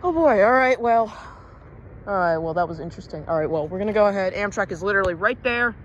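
A man's voice: sits high, quick pace, a bit bright, lo-fi sound, slight background noise. A young man vlogging as a railfan beside the tracks, telling stories in a chatty, rambling way that keeps breaking off and restarting. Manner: chatty, rambling, self-interrupting. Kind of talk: casual storytelling to camera. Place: outdoors beside railroad tracks in town.

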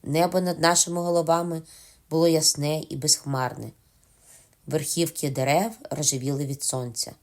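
A woman narrating a novel as an audiobook in a calm, measured reading. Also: low-pitched.

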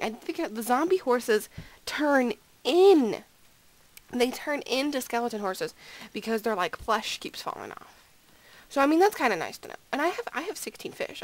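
A woman's voice: on the high side, very animated, fairly quick, low-quality recording. A sleepy woman giving rambling, giggly, self-deprecating gameplay commentary at home late at night. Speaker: gaming video creator.

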